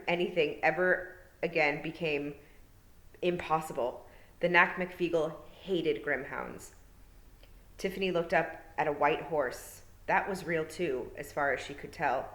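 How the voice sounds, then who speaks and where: A woman teacher narrating a storybook aloud in a calm, measured way. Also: low-pitched. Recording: roomy, echoey room.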